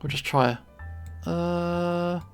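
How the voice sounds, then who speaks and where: The delivery is very slow and mid-range, recorded dry with faint music underneath. It's a streamer from southern England with a southeast English accent who chats playfully while drawing, pronouncing words carefully, hitting her T's and chuckling a lot.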